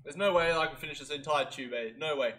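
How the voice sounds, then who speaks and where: Young guy vlogging in his bedroom, bit high voice, goofy casual chat, says eh a lot. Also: fast talker, bright, forceful tone. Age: young adult. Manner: goofy, self-mocking, tags sentences with "eh". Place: small bedroom, indoors.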